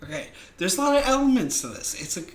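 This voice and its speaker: A man's voice: high-pitched, very animated, quick pace, roomy sound. A man co-hosting a comedy podcast, talking playfully, laughing often and slipping into a showy announcer voice. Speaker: podcast co-host. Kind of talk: casual comedic chat.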